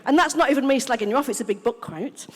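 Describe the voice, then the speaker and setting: A woman with a British accent giving a frank, animated recovery testimony to a live audience, swearing freely and acting out her own past thoughts. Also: high-pitched, fast. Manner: frank, animated storytelling with swearing and mock quotes of herself. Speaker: main speaker at a recovery convention. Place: large convention hall. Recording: long reverb of a large hall.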